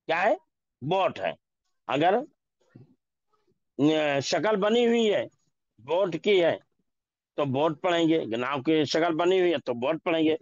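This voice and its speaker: Male teacher, slow and repetitive drilling delivery, dry lo-fi recording. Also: a little high, no echo. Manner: slow, repeats example words and phrases for drilling. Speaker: Urdu teacher. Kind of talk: classroom language lesson.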